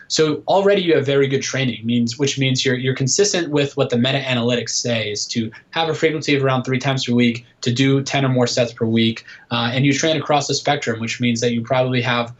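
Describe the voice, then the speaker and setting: A man's voice: medium pitch, dull audio. A man in his thirties, a guest coach on a casual podcast interview, explaining things patiently with many fillers. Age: 30s. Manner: explanatory, lots of "uh" and "um".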